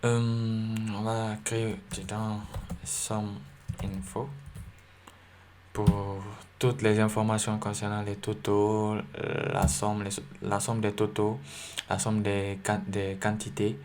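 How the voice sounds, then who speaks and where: A man's voice: lowish voice, monotone, slow, a little mellow, slight background noise. A man teaching a coding lesson, thinking aloud with lots of fillers and self-corrections. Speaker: coding tutorial instructor. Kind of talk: screen-recorded coding lesson. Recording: faint keyboard typing and clicks.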